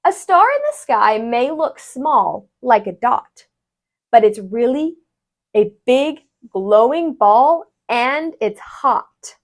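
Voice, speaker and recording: Very animated and fairly high in pitch, a woman tutor delivers a rhyming children's book with deliberate, expressive, sing-song reading.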